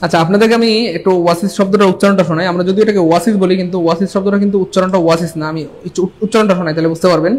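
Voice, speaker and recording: Fast, high-voiced male teacher. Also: a little hiss or hum. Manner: animated, joking, urges viewers to comment. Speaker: English grammar teacher. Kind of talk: live online class.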